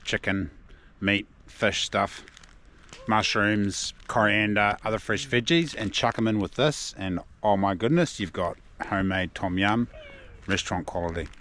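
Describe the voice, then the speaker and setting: Low-voiced man, broad Kiwi accent. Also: a little slow, fairly bright tone. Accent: broad New Zealand. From New Zealand. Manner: laid-back, slangy. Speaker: vlogger. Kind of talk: casual outdoor adventure vlog. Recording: noisy outdoor recording with ambient sound.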